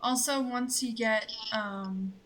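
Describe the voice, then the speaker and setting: A young woman chats casually with a gaming partner, sometimes hesitant and often playful. Her voice is a little high and a bit bright, and she speaks slowly. Faint noise sits in the background.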